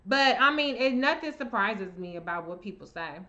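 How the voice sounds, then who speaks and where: A woman's voice: mid-range voice, animated, normal speed, bright, forceful tone, lo-fi sound. A woman hosting a live Q&A, reading viewer comments and answering in a blunt, chatty, profane way. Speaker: livestream host.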